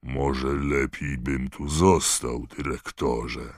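A huge, simple gamekeeper, read by a man, bumbling along plainly in a very deep voice. The recording is dry and close, storybook-style. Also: fairly even intonation, very slow, dry recording, exaggerated voice. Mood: gruff. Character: huge clumsy male gamekeeper, simple and loyal.

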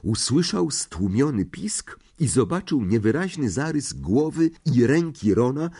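Slow, husky, dramatic male narrator. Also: mid-range voice, big pitch swings, dark tone. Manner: slow, suspenseful storytelling. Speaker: audiobook narrator.

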